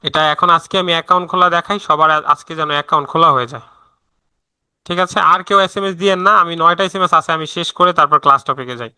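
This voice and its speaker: A man's voice: a little high, quick pace, sharp tone, clear, resonant tone, dry recording. A man teaching a live online class in a casual, chatty way, stopping often to answer viewer messages, with many fillers and restarts. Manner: frequent fillers and self-restarts. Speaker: online freelancing instructor.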